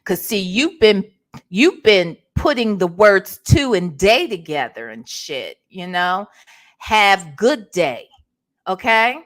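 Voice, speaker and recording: A woman hosting an online reaction show delivers casual gossip commentary in a medium-pitched voice with big pitch swings, speaking slowly. She's sassy, slangy and profane, driving home her points with emphatic rhetorical check-ins.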